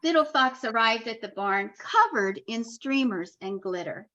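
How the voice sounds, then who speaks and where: A woman teacher reading a picture book aloud to young children, with expressive storytelling and friendly asides. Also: fairly high pitch, measured pace, muffled recording, background noise.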